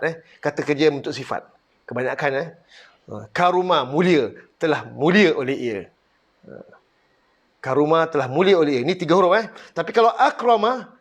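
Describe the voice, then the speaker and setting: A man with a Malaysian Malay accent teaching Quranic Arabic grammar online, drilling words one by one and correcting mistakes. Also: on the high side.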